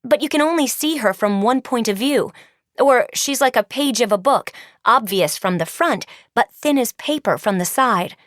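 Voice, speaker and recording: A woman's voice: lively intonation, moderate pace, dry recording, studio quality. A woman voicing a brave, eager teenage monster girl who speaks earnestly and urgently. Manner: earnest, urgent, higher and louder than the narration.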